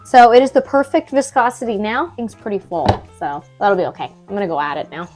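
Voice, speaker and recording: Soft music underlies this home DIY vlog, hosted by a young woman with a medium-pitched, somewhat dark voice who talks briskly. She rambles casually through the task with lots of fillers and has a dry, wheezy cough.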